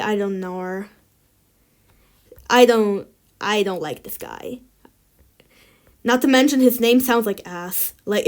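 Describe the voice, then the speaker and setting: A woman ranking things in a tier list, chatting casually and giving blunt opinions with lots of filler words. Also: mid-range voice. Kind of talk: casual chat.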